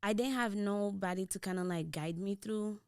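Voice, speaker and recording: A young Haitian woman with a Haitian Creole accent guests on a podcast, recounting her story in easygoing interview chat and switching into Creole mid-sentence. Her moderate-paced, smooth voice is captured on a boom-mounted studio mic with no echo.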